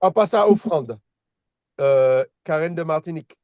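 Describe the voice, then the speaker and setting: Man, teacher, fairly high voice, dry close sound, hesitant, restarts a lot, patient. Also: lively intonation, a little slow, darkish tone, no echo. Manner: hesitant, frequent restarts and repeated words; patient, checks understanding with "d'accord?". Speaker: Hebrew teacher. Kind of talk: casual online lesson.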